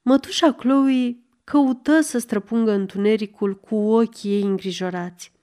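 A woman's voice: on the high side, fairly even intonation, dark tone. Woman reading an audiobook unhurriedly. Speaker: audiobook narrator.

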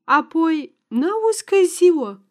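A woman voicing a sharp-tongued, grumpy old peasant wife in a read-aloud novel. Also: fairly high pitch, animated, lightly acted. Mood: scolding.

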